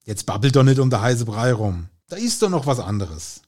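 A man's voice: medium pitch, big pitch swings, moderate pace, a little mellow. A man voicing a jovial older male wine host who speaks in a folksy, hearty way. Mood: coaxing.

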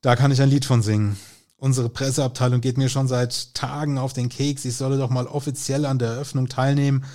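A man voicing a brooding male police inspector who sounds gruff and weary. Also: mid-range voice, flat delivery, a little fast, dark tone, natural voice. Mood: grumbling.

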